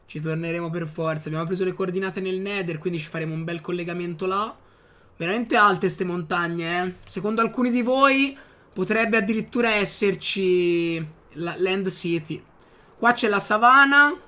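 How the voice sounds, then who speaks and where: A man giving casual gameplay commentary, chatting to his viewers with excitable outbursts. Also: high voice, moderate pace. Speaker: gaming youtuber.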